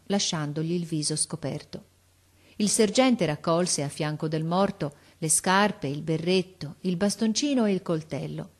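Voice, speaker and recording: A woman narrating a classic story in a measured, expressive reading voice. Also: deep voice.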